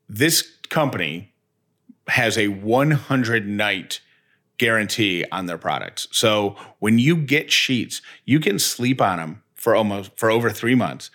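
Fairly low in pitch yet bright and forceful, this man's voice carries his sponsor reads as a podcast co-host. The ad reads sound conversational, folksy, and eager.

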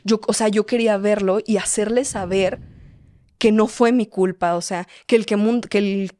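Podcast host, young woman, halting confessional storytelling, mid pitch, dry close mic. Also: fairly even intonation, warm tone, no room sound. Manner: quick, halting, frequent restarts and "o sea". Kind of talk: personal storytelling.

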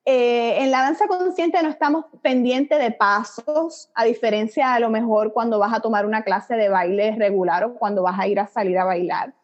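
A woman's voice: fairly high pitch, normal speed, hardly any pauses. A middle-aged Puerto Rican woman, a psychologist guest, explaining her ideas in a reflective, conversational way with little fillers. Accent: Puerto Rican Spanish. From Puerto Rico. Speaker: guest, psychologist and dance method creator. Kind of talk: conversational interview. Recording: dull lo-fi audio.

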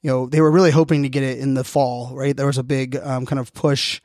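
A man's voice: mid-range voice, level tone, a little fast, a little mellow, no echo. Rambling male podcast host, dry close sound. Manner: rambling, repeatedly leaning on "you know". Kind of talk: casual solo podcast commentary. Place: home or podcast studio. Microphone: close studio microphone.

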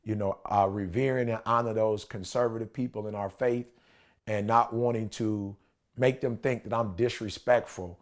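Fairly low and steady, this man's voice moves at a normal speed. He's an American in his forties sharing personal stories in a casual podcast chat, delivering them like a preacher and motivational speaker: emphatic, slangy, repetitive, and often checking that the listener is following along.

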